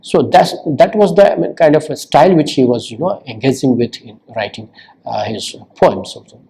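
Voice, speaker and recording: Giving a recorded literature lecture, a man speaks slowly and expressively, repeating words to stress them and using fillers like "uh" and "you know." His voice is medium in pitch, creaky, mellow, and a bit rough, captured in a rough recording.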